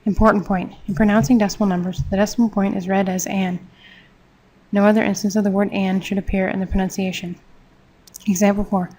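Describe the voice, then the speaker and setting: A woman teaching a math lesson, reading textbook steps in a steady, measured way. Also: medium pitch, poor audio. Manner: steady, measured, step-by-step explanation.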